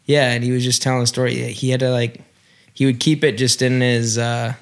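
A man's voice: medium pitch, level tone, fairly quick, clean tone. A man, chatting in an informal, slangy way as an eager co-host. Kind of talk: casual chat.

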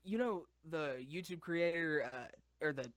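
Rambling young man, slightly high voice. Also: animated, unhurried, a bit bright, slight background noise. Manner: rambling, swears, laughs often. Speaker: podcast co-host. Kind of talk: casual chat.

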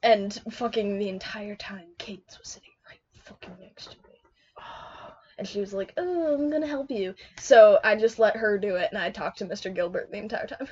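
A woman's voice: medium pitch, steady tone, normal speed, a little mellow, breathy edge. A teenage girl co-hosting a casual podcast, giggling often and swearing freely. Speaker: podcast co-host. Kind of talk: casual chat. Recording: dull lo-fi recording.

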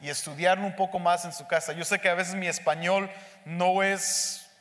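A pastor teaching a Bible study delivers a sermon in a high-pitched, fairly bright male voice with a steady tone. He speaks slowly and deliberately, mixing in English words. The setting is an echoey hall with long reverb.

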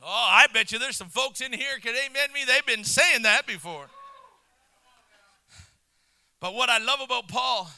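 A male missionary preacher delivering a sermon, telling the story with animation, chuckling between points and swinging into shouts. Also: very high voice, measured pace, long pauses, no room sound, low-quality recording.

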